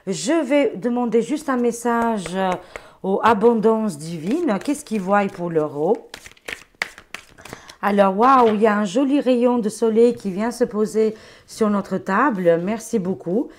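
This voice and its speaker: A woman talks her viewers through a tarot reading in a loose, chatty way. She sounds exclamatory and familiar, her voice sitting at an ordinary pitch for a woman. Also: expressive, a little slow, darkish tone, slight background noise. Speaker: tarot card reader.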